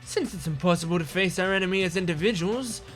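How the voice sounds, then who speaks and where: A game player reading aloud as a calm young male student, close to the player's usual voice. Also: medium pitch, fast talker, faint music behind, pitched above the performer's own voice, lightly acted.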